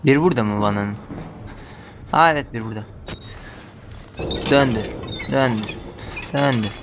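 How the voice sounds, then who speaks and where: A man with a Turkish accent commenting on a horror game as he plays, muttering to himself and breaking into panicked shouts when chased. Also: medium pitch, a little slow, background noise. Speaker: gamer.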